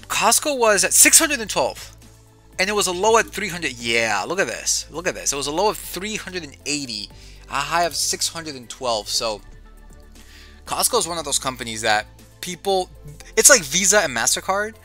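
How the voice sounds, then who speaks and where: A man's voice: on the high side, normal speed, faint music behind. A man hosting an investing show, chatting casually while running through stock prices with a guest. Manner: lively, reads stock figures, says "dude". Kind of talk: casual market rundown chat.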